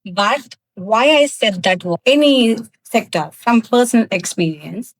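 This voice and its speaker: A woman's voice: on the high side, lively intonation, a little slow, poor audio. A woman from South India, a native Tamil speaker with a thick South Indian accent, answering interview questions in an earnest, emphatic way. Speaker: interview guest, cosmetics business founder.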